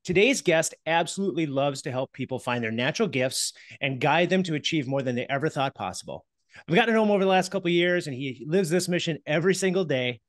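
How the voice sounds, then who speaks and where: A man's voice: on the high side, animated, quick pace, no room sound, studio quality. A middle-aged man hosting a podcast interview over a video call from his home office, upbeat and chatty, with plenty of fillers and restarts. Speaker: podcast host. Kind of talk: casual interview. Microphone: headset on a video call.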